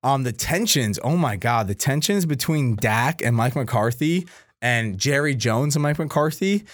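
A young man co-hosting a podcast, telling animated sports stories in casual chat with frequent swearing. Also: mid-range voice, unhurried, no echo, studio quality. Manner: animated storytelling, frequent profanity. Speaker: podcast co-host.

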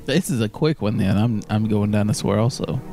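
A man's voice: lowish voice, a little fast, creaky, music in the background. A man chatting casually on a podcast, making dry, teasing remarks. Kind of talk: casual chat.

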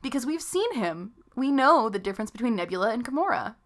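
A woman's voice: on the high side, big pitch swings, fast, a bit bright. A young woman in her late teens chatting casually and eagerly, laughing often. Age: young adult. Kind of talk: casual podcast chat.

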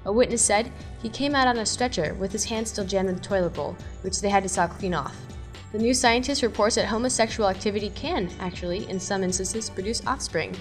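A woman's voice: mid-range voice, brisk. Woman reading wry news over music. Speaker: news segment presenter.

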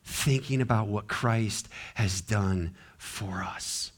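A man's voice: lowish voice, takes it slowly. Emphatic man preaching a sermon. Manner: emphatic preaching, voice rising and dropping sharply. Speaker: pastor. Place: church sanctuary.

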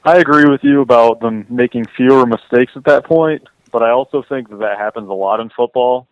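A man from Ohio co-hosting a casual sports podcast, giving measured analysis. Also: mid-range voice, no echo, highs cut off. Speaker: podcast co-host.

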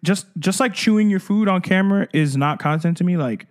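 A man's voice: high voice, a little fast. A man hosting a casual podcast, bantering in laid-back slang with friends. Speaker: podcast host. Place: shared room, not their usual studio.

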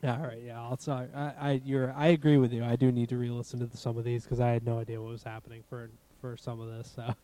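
A man with a Massachusetts accent chats loosely as a podcast co-host, his voice dark and mellow. He swears freely and laughs often. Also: mid-range voice, flat delivery, fast talker, few pauses. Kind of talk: casual podcast chat. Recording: remote recording without proper mics.

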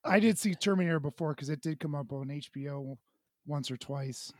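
A man co-hosting a podcast, chatty with quick interjections. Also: on the high side, no room sound, studio quality. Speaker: podcast co-host. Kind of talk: casual chat.

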